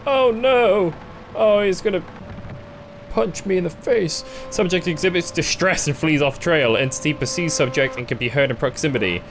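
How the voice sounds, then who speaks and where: A jumpy, sarcastic gaming YouTuber commentates on a horror game playthrough and reads on-screen text aloud, gasping and crying out when startled. His voice is medium-pitched at a normal speed, with background noise.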